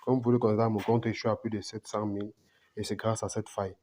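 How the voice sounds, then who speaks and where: A man's voice: lowish voice, level tone, quick pace, warm tone, a little hiss or hum. A man hosting a betting channel, talking through a screen-recorded tutorial and often repeating and restarting his phrases. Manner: repetitive, restarts phrases, asks "vous comprenez"; apologizes for his accent.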